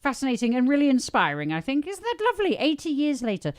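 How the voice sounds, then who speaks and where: A bright-voiced woman co-hosting a live comedy chat show, her pitch bouncing up and down as she jokes and giggles. The sound is close and dry, with little room around her. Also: very animated, fast talker, dry recording. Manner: playful, giggly, chatty. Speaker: co-host.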